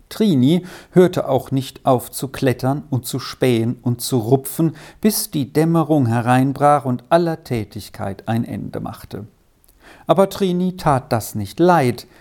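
Low, mellow female storyteller. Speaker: narrator. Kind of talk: storybook reading.

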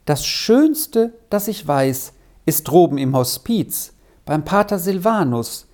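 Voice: mid-range voice, big pitch swings, slow, a little mellow. Storybook boy, earnest and wistful, done by the narrator. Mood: longing. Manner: earnest, longing. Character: dreamy young boy, earnest.

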